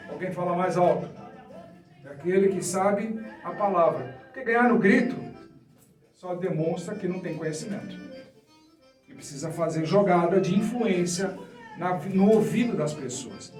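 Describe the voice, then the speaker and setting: Male Brazilian preacher, high voice, didactic sermon, faint music under it. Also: a little mellow. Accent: Brazilian Portuguese. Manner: didactic, asks and answers own questions. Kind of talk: sermon teaching. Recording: echoey room, mic at a distance.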